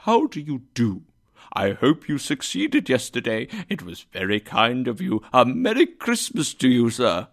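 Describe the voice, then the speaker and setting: A man's voice: mid-range voice, huge pitch swings, unhurried, full character voice. A man voicing an overjoyed, reformed old miser in a storybook reading, exclamatory and full of glee. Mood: warm goodwill. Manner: exclamatory, gleeful, effusive.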